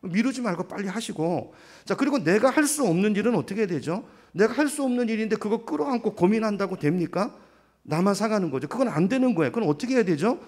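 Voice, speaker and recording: A man's voice: sits high, lively intonation, quick pace, darkish tone. A middle-aged man preaching a sermon, asking the congregation rhetorical questions and acting out what other people say. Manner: acts out quoted voices of others. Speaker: pastor.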